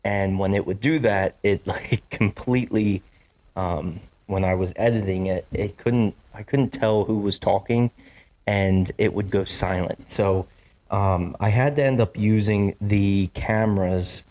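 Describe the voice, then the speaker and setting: A man's voice: on the low side, unhurried, a little mellow. A man hosting his own podcast from a home basement studio, talking casually, apologizing often and restarting his sentences. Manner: chatty, apologetic, with many fillers and restarts. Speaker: podcast host. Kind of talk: casual solo podcast talk. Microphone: studio microphone.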